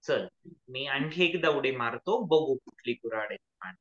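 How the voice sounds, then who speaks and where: A man voicing a kind, generous god in a children's story, speaking gently and reassuringly. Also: mid-range voice, expressive, unhurried. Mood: kindly. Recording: echoey, slightly dull recording.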